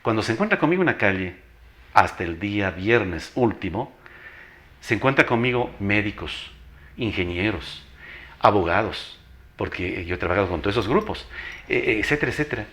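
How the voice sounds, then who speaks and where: As an interview guest, an older Ecuadorian-accented veteran teacher with an announcer-like voice shares anecdotes emphatically, acting out dialogue and repeating phrases. His pitch is fairly low, his delivery animated and a bit bright, at normal speed.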